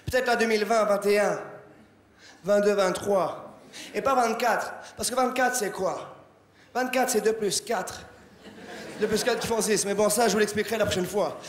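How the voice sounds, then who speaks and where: A man's voice: high voice, moderate pace, lightly acted. A man playing an over-the-top male DJ character who hypes a crowd and rambles goofily. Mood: goofy. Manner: loud announcer hype, goofy rambling. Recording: echoey room with background noise.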